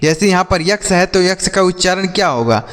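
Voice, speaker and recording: A man teaching English reading as a slow lesson, spelling words letter by letter and repeating each answer for his pupils. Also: high-pitched, expressive, a bit bright, big-room sound. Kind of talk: classroom-style spelling lesson.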